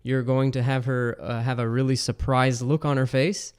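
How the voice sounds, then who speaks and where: A man's voice: medium pitch, flat delivery, normal speed, smooth. A man hosting a podcast, talking through a topic in a casual, explanatory way with frequent fillers.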